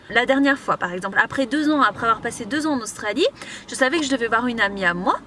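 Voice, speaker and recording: A woman's voice: a little high, a bit bright, a little hiss or hum. A young woman from Mauritius giving casual life advice to camera from inside a parked car, chatty, with many fillers and restarts. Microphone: camera on a tripod.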